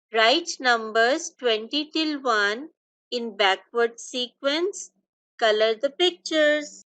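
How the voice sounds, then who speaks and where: A woman with a Pakistani accent teaching a scripted lesson to young children like a kids' show host, in simple, deliberate, instructional phrases. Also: a little high, low-quality recording. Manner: slow, deliberate, instructional delivery. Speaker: kindergarten maths teacher.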